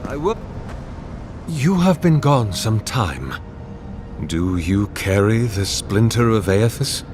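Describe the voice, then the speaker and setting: A coolly menacing game villain, speaks in slow, formal, musing phrases. His pitch rises and falls in wide, expressive sweeps. Game music plays behind him. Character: calm, philosophical male villain, coolly menacing. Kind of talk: video game voice acting.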